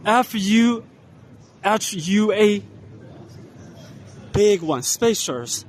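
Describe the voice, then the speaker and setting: Slow-talking man on an expo walking tour. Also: sits high, expressive, slight background noise. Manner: unhurried, spells out names letter by letter. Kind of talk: casual walk-and-talk narration. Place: large indoor trade expo hall.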